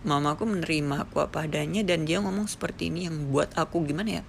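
A gravelly, creaky-voiced speaker in their thirties from Papua tells a personal story straight to camera. The delivery is earnest and emotional, with quoted conversations acted out along the way. A faint hiss of background noise sits under the voice. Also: medium pitch, quick pace. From Papua, Indonesia.

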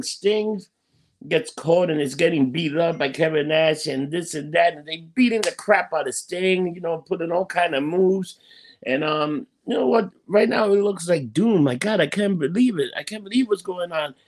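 A man hosting a wrestling talk show, retelling matches informally with a showman's flair and repeating phrases for emphasis. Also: a little high. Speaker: podcast host.

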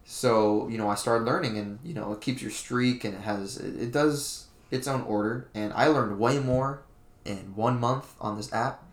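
Young man, from Florida, gravelly voice, laid-back rambling podcast chat, echoey room. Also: mid-range voice, moderate pace. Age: young adult. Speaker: podcast co-host. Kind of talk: casual chat.

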